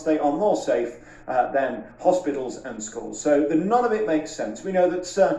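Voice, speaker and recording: A man's voice: high voice, darkish tone, far from the mic. A man hosting a talk show, ranting in a sarcastic, mocking and blunt way. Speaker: host. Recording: echoey, off-mic.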